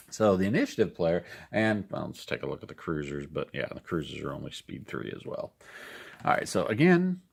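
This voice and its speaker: A middle-aged man from Denver casually talking through a tabletop wargame playthrough, thinking aloud in a relaxed, rambling way. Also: mid-range voice, gravelly. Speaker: board game video host.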